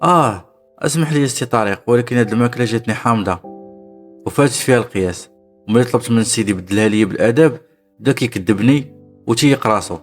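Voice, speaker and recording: A man voicing a bold, scheming young woman in a Moroccan story, with a Moroccan accent and a loud, indignant way of complaining. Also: mid-range voice, fast, soft background music, lightly acted. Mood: polite.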